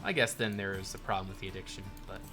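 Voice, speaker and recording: A man's voice: deep voice, quick pace. A man hosting a live stream, casually chatting while he builds and answering viewer questions as they come in. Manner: thanks followers and answers viewer questions in a relaxed ramble. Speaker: livestream host building in a game. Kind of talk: casual live commentary reading chat. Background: faint game soundtrack music.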